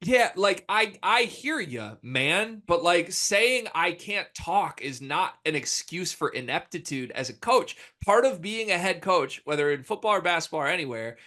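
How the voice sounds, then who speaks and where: Emphatic American man talking sports, slightly high voice. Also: sing-song, moderate pace, hardly any pauses, bright, forceful tone. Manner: emphatic, informal slang with hyperbole. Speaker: sports podcast host. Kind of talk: casual sports talk and banter.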